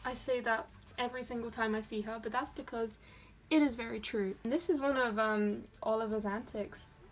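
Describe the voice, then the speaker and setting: A woman's voice: a little high, steady tone, a little fast. A young woman from Dorset, England, rambling and giggling as she talks through her sketchbook at her desk. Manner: giggly, rambling and self-deprecating. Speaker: artist showing her sketchbook. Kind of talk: casual sketchbook tour.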